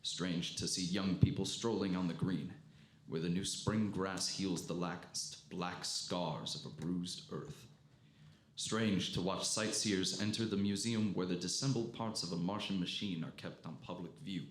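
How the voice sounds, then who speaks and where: In a 1930s radio drama performed live before a hall audience, a man plays a learned professor, the lone survivor, narrating his tale in a monologue. His low voice carries a grave, deliberate, literary delivery with a reflective, solemn mood. The echoey stage carries faint noise.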